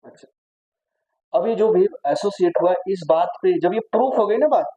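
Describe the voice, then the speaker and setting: A man's voice: sits high, moderate pace, dark tone, lo-fi sound. A young Indian man teaching a physics class in a chatty way, asking questions and telling stories. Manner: chatty, asks students questions and tells anecdotes. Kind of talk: classroom lecture.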